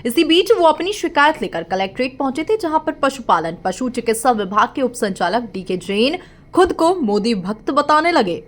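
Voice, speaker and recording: A woman reads a scripted news report. Her voice sits fairly high, and she keeps the delivery even and formal throughout. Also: normal speed. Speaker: news narrator.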